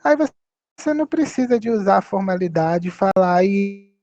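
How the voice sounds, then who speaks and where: A man's voice: high voice, expressive, normal speed, darkish tone, lo-fi sound. A man with a Brazilian Portuguese accent teaching English phrases, patiently repeating and spelling out words.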